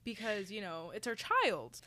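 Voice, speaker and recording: A woman's voice: mid-range voice, measured pace, a little hiss or hum. A young woman co-hosting a podcast in casual chat, telling stories with gasps and the odd swear. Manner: lively storyteller, gasps and swears for effect. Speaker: podcast co-host.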